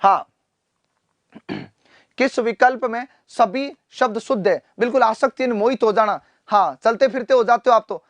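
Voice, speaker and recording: A man teaching Hindi in a live online exam-prep class, repeating answers and quizzing students back, often clearing his throat. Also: very high voice, normal speed, no echo. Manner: addresses students fondly as "beta".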